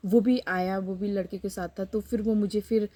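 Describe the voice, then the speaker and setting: A woman's voice: mid-range voice, steady tone, normal speed, dark tone. Young woman with a Northeast Indian Hindi accent. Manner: heated, repeats words for emphasis. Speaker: vlogger. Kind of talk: personal storytelling vlog.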